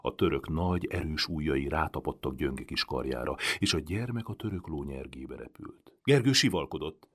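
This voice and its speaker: A man narrating a storybook in a dramatic, expressive reading. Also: a bass voice, few pauses, husky. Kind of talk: audiobook reading of a historical novel.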